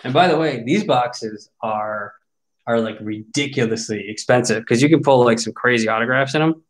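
Opening packs as a card break host, this forties-aged man keeps up an easygoing, chatty commentary, grumbling in jest about every pull. He talks at an ordinary pace in a mid-range voice.

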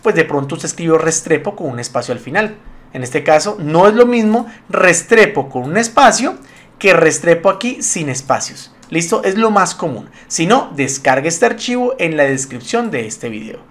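A man's voice: fairly high pitch, very animated, normal speed. A man giving a casual spreadsheet lesson, chatty and laughing easily as he talks to his viewers. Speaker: Excel tutorial instructor.

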